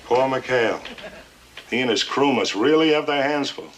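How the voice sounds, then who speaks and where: An actor playing a blunt, impatient American war correspondent in a sitcom, curt, dry and needling. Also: male voice, medium pitch, moderate pace, over loud music, lightly acted. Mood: sardonic. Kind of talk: 1960s TV sitcom acting. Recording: noisy old television soundtrack.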